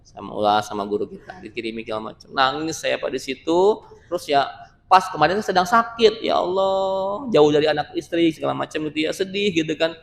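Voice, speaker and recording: A man preaching a sermon in a mosque, animated and joking, acting out the voices of others as he speaks. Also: a little high, fast talker, creaky, a little hiss or hum. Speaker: Islamic preacher. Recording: long reverb of a mosque hall.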